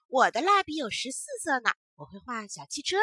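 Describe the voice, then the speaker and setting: A sharp little girl from a bedtime storybook, mocking and high, as a woman storyteller puts her on. Her voice is bright and springy. The sound is dry and close. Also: very animated, brisk, husky, dry recording, exaggerated voice. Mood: teasing.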